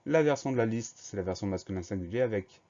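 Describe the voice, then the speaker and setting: A man's voice: on the low side, expressive, quick pace, dark tone, highs cut off. A man teaching a spelling lesson to primary pupils, methodically spelling each word out letter by letter.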